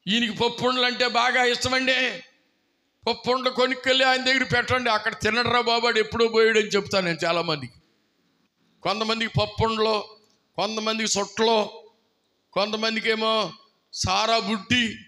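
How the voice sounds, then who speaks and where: A male pastor preaching a fiery sermon, shouting out bursts and acting out the voices of people in his stories. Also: high-pitched. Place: church hall.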